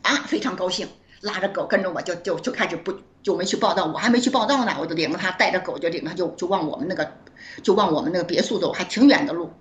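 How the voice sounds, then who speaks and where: A woman doctor, a guest in an interview, telling a story with frequent laughs and quick self-corrections as she acts out dialogue. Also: lowish voice. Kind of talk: animated storytelling in conversation.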